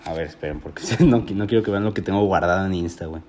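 A young man with a Mexican accent, hosting a podcast and steering a relaxed, slangy conversation. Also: low-pitched, fast talker, slight background noise. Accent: Mexican Spanish. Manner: relaxed, peppers speech with slang. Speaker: podcast host. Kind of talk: casual chat.

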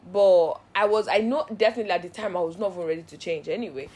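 A woman's voice: fairly low pitch, fast talker, darkish tone. Earnest woman teaching a devotional. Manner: earnest, heartfelt, repetitive cadences. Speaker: Bible study host.

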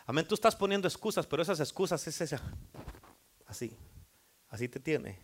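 A male pastor preaching a sermon, rising to loud fervent passages and dropping to hushed asides, acting out people's excuses. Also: on the high side, expressive, fairly quick, slight background noise.

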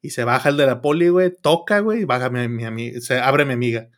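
A man's voice: medium pitch, quick pace. A man with a Mexican accent, casually telling a story on a podcast in a swearing, slang-heavy way packed with filler words. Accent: Mexican Spanish. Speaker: podcast co-host.

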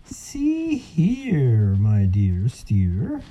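A man's voice: medium pitch, huge pitch swings, extremely slow, mellow, slight background noise, full character voice. A man voicing a clever, boastful male fox in a rhyming storybook, confident and sing-song. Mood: self-satisfied.

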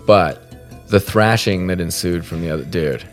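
Deep-voiced guy hosting a podcast, casual swearing storyteller, pokes fun at himself. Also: unhurried, faint music behind. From Salt Lake area, US. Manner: swears freely, animated and self-deprecating. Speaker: podcast host.

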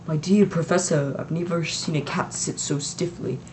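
A reader voicing a gentle, calm old male wizard with a mildly amused manner. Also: mid-range voice, normal speed, slight background noise, pitched above the performer's own voice, close to an everyday voice, rough recording. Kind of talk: audiobook reading.

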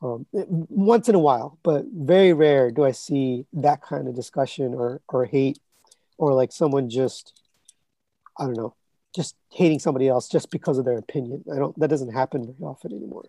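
A scratchy-voiced man in his thirties or forties guests on a podcast as a collectibles reviewer, rambling casually with plenty of fillers and restarts. He has a medium pitch, normal speed, vocal fry and a warm tone, with no echo.

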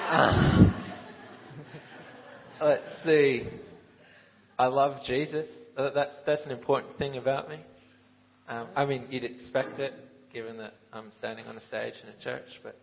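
A man's voice: mid-range voice, fairly even intonation, a little slow, gravelly, pauses often, highs cut off, slight background noise. A man in his twenties who grew up in Ukraine, a Bible college student who laughs at himself and restarts often while answering questions and then preaching on a church stage. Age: 20s. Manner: self-deprecating and laughing, with many restarts. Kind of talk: interview then sermon.

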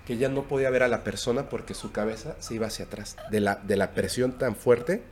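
Un hombre con acento mexicano narra con calma una historia de terror en una charla informal, con pausas y tono bajo. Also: male voice, medium pitch, slight background noise. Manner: recounting a scary story, hushed and halting. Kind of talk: casual storytelling.

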